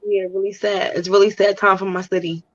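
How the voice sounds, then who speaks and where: A woman co-hosting a casual chat, chiming in with quick agreeing replies. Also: medium pitch, level tone. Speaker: co-host. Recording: dull, lo-fi sound.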